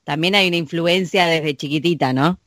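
A woman with an Argentine accent co-hosting a casual podcast, playful and quick to laugh. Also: low voice, a bit bright, no room sound, studio quality. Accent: Argentine Spanish. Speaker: podcast co-host.

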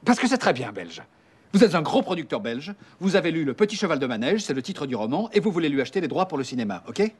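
An impatient, scheming schemer. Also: male voice, fairly high pitch, big pitch swings, husky. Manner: exasperated, brisk, condescending. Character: impatient, scheming, sarcastic man. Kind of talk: film dialogue.

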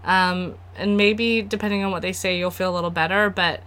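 A woman's voice: on the low side, steady tone, a bit bright, clean tone. A woman co-hosting an advice podcast who reads listener letters aloud and chats casually. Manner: laughs easily, quick bursts of talk. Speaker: podcast co-host reading listener questions. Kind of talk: casual chat.

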